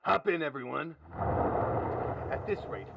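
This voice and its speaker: An actor playing a confident, heroic small-town sheriff in a radio play, with hammy, gallant lines. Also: male voice, a little high, expressive, a little slow, gravelly, distant mic, highs cut off, very noisy. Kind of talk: old-time radio play acting.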